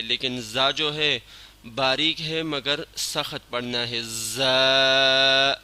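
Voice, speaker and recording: Bright, crisp-voiced man teaching the letters. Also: medium pitch. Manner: chants each letter long and loud, then explains softly; patient, step-by-step instruction. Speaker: Quran recitation teacher. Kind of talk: slow spoken lesson on Arabic letters.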